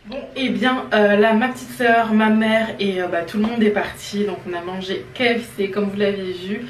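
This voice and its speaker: A woman's voice: mid-range voice, fairly even intonation, moderate pace, roomy sound. A young woman, a student chatting casually in a home vlog with many fillers. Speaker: student vlogger. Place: home, indoors.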